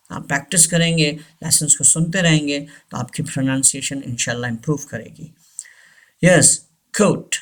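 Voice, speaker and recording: A man teaching English pronunciation, switching between Hindi-Urdu and English and repeating each word slowly. His first language is Hindi-Urdu. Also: a little high. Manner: mixes Hindi-Urdu and English, slow deliberate repetitions. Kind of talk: slow spoken language lesson.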